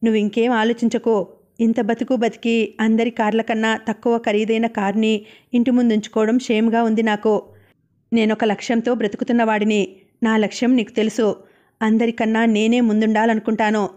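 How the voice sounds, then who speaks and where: A woman's voice: on the high side, level tone, moderate pace, darkish tone, lightly acted. A woman voicing an ambitious, domineering young husband who talks in a demanding, brusque way.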